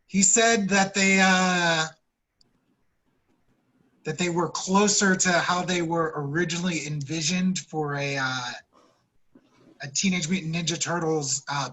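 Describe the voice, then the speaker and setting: A man with a bright, fairly high voice explains things in a halting way on a podcast. His casual chat stumbles through many pauses and fillers. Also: rough recording. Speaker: podcast co-host.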